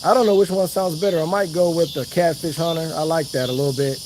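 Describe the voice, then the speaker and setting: A man's voice: fairly high pitch, fairly even intonation, fast, background noise. A man chatting casually on a fishing livestream outdoors, hyping up his viewers. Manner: chatty, hypes up viewers, Southern slang. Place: outdoors by the water.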